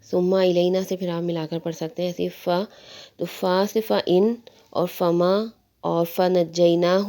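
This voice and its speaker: Pakistani urdu accent lady doing a tajweed lesson, warm mellow voice, patient and step by step. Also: on the low side. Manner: patient, step-by-step explanation, slow melodic recitation of verses. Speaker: Quran recitation teacher. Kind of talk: tajweed lesson with recitation examples.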